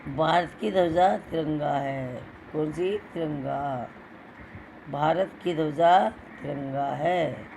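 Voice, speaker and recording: A man's voice: a little high, creaky, warm tone, a little hiss or hum, rough recording. A male primary school teacher giving a recorded lesson to young pupils, patient, repeating words and answering his own questions.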